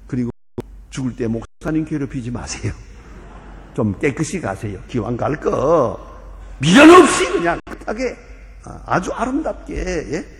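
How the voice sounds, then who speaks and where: An older man, a pastor, preaching and telling stories with sudden loud emphasis. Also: medium pitch, sing-song, moderate pace. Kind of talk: sermon. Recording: long reverb of a church hall.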